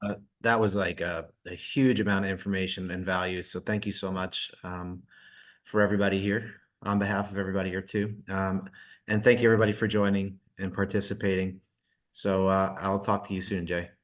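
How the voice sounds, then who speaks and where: Low flat man over a video conference call. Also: fairly quick. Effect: heard over a video conference call. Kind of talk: casual remarks on a call.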